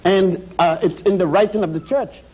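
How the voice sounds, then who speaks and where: A man's voice: high voice, steady tone, normal speed, mellow, slight background noise, low-quality recording. A man from Puerto Rico, a guest historian in a TV studio discussion, lecturing emphatically and spelling out names letter by letter. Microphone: studio mic.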